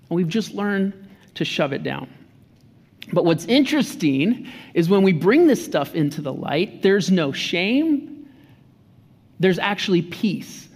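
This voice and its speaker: A man in his thirties, a pastor giving an earnest sermon, often restarting and repeating his words. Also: sits high. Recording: reverberant church hall.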